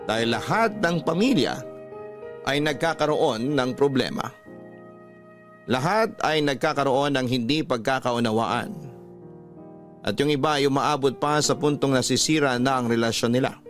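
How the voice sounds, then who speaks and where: A Filipino radio drama host and narrator, speaking in a mid-range voice at normal speed, gives a scripted, dramatic reading of a listener's letter. The dry studio voice plays over background music.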